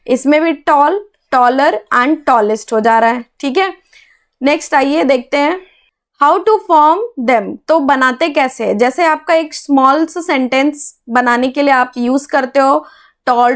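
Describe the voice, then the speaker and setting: A woman teaching English grammar in a casual classroom manner, often checking in with her students and reading examples slowly. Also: high-pitched. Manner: checks in with "ठीक है?" after nearly every point. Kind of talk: explaining a lesson in Hindi-English mix.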